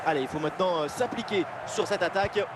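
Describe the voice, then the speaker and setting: A man as an excited, high-pitched male football commentator. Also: fast talker, very noisy, lightly acted. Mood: focused, engaged. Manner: clipped name-calling, surging on big plays.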